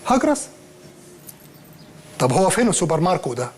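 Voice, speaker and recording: A man's voice: high-pitched, big pitch swings, a little fast, noisy background. An actor playing a boastful, sarcastic young man in a comedy film, with an Egyptian accent, mocking his friend and dropping English words. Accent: Egyptian Arabic.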